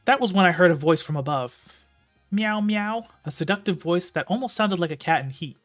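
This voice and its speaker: A man's voice: on the high side, expressive, fast, fairly bright tone, faint music behind. A man streaming live, reading a novel aloud and commenting casually in a rambling way with filler words.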